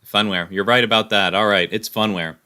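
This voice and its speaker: Bright-voiced man hosting a stock stream. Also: fairly low pitch, fairly even intonation, fairly quick. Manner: chatty, thinks aloud with fillers. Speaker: stock livestream host. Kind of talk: casual live-stream chat reading viewer comments.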